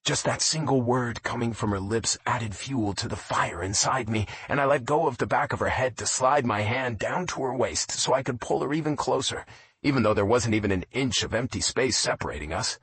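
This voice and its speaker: A man narrating a romance audiobook in a low, intimate first-person reading. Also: moderate pace, fairly bright tone, slightly rough.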